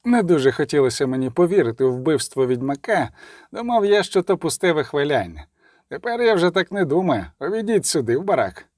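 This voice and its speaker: A man voicing a tall, smug half-elf dealer who speaks in a smooth, mocking way. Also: fairly high pitch, very animated, fairly quick, a little mellow, no echo, clean studio sound.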